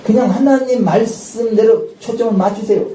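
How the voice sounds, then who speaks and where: A male pastor preaching a sermon with lively energy, often shouting out dramatic lines and laughing. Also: sits high, normal speed. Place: church sanctuary at a Friday night service. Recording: echoey church hall, distant mic, faint noise.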